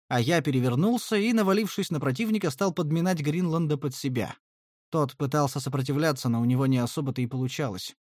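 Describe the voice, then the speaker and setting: A man's voice: fairly high pitch, no echo, studio quality. A man narrating a first-person fantasy audiobook in a wry, conversational way.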